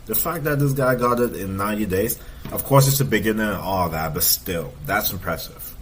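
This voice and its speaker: A man's voice: lowish voice, a little fast, slight background noise. A man in his thirties, a fitness coach, giving casual, emphatic reaction commentary and repeating points for stress. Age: 30s.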